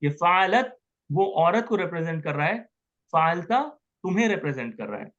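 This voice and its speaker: A man's voice: fairly high pitch, sing-song, normal speed, a bit bright, dull audio. A man teaching Arabic grammar in an online class, patiently repeating words and asking students questions.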